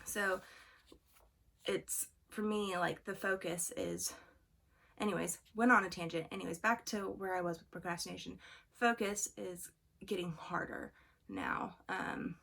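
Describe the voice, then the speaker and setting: A woman's voice: lowish voice, a little slow, gravelly, sharp tone. A young woman with allergy congestion and a throaty voice, chatting in a casual, rambling vlog with many fillers. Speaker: vlogger studying for the bar exam. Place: room at home. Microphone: camera on a fixed angle.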